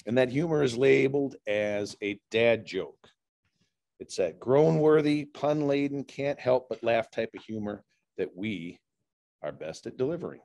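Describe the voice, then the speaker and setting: A man's voice: mid-range voice, expressive, a little slow, gravelly, darkish tone. A middle-aged man giving a humorous prepared speech, telling dad jokes with setups and punchlines to a speaking club. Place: large indoor meeting room with low ceiling.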